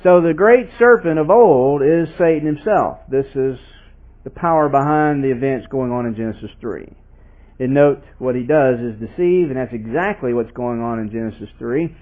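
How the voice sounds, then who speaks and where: A man's voice: medium pitch, moderate pace. Tinny-sounding preacher, a man teaching. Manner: conversational, asks the listeners questions; reads scripture aloud with emphasis. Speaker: pastor. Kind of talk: expository sermon.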